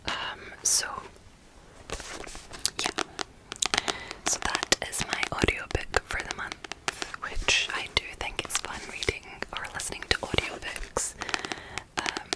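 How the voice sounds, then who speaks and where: A woman speaking in a soft, unvoiced whisper, unhurried and informal, as an ASMR host chatting and reading about books. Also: rough recording.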